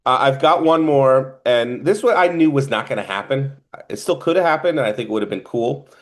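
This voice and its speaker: A man's voice: mid-range voice, lively intonation, brisk. A man with a New Jersey accent co-hosting a casual film review podcast, rambling in a stop-and-start way. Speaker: podcast co-host.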